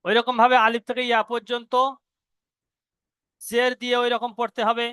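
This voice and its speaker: A man teaching Quran reading to students, spelling out each letter and syllable slowly. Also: very high voice, completely flat delivery, bright, forceful tone, clean tone, dry recording. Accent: Indian Bengali. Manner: slow, drawn-out syllable-by-syllable spelling. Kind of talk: spelling-out recitation lesson.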